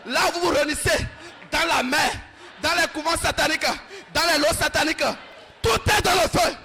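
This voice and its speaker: A male pastor leading a shouted deliverance prayer, fervently repeating short commands over and over. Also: very high-pitched, brisk, a faint crowd.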